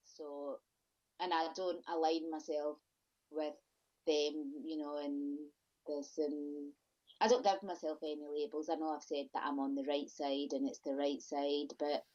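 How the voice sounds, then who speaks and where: A woman's voice: low-pitched, little pitch movement, measured pace, mellow. A woman guest in a podcast interview, talking emphatically and often repeating and restarting her phrases. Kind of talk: conversational interview. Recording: lo-fi dull audio.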